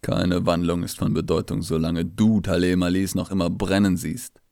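A man's voice: flat delivery, moderate pace, dry recording, studio quality. A man doing a brooding, bitter king. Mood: quiet, menacing. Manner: low and quietly intense, rising to anger. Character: brooding, bitter young king, haunted by his father's fate.

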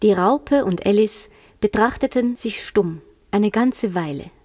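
A woman narrating a children's story in a calm, even reading voice. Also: mid-range voice, a little slow.

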